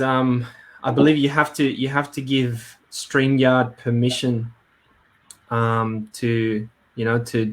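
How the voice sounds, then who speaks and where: A man hosting a live webinar in a casual, hesitant way, with many fillers and restarts. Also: medium pitch. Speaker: webinar host. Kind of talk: casual live-stream talk. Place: Brisbane.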